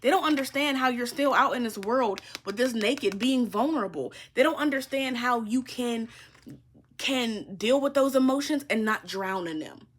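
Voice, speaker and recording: Woman tarot reader, higher husky voice, blunt, profane, emphatic. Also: moderate pace. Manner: emphatic, swears freely, speaks straight to the listener. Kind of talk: casual spiritual reading.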